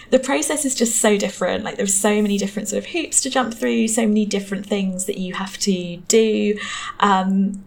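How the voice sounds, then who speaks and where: Creaky-voiced young Home Counties Englishwoman. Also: mid-range voice. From Hertfordshire, England. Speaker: interview guest. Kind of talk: casual conversational interview.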